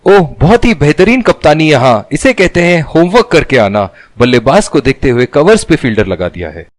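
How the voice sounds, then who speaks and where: A man giving excited cricket commentary as a commentator, exclamatory and full of admiration. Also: on the high side, brisk, no room sound.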